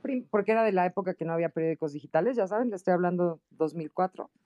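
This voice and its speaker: A woman with a Mexican accent, a guest and columnist, telling anecdotes in a casual podcast chat, lively and often jumping into high quoted voices. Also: very fast, lo-fi sound.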